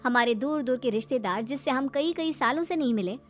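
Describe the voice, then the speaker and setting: A woman's voice: high-pitched, a little fast, soft background music, natural voice. A woman voicing an outspoken young elder daughter-in-law in a cartoon story, in a firm, indignant manner. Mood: questioning.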